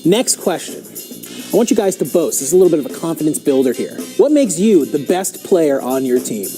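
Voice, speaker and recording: Upbeat male esports host, warm dark tone, soft music bed underneath. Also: a little high, big pitch swings, a little fast. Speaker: esports broadcast host and interviewer. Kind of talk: playful game-show hosting and tournament commentary.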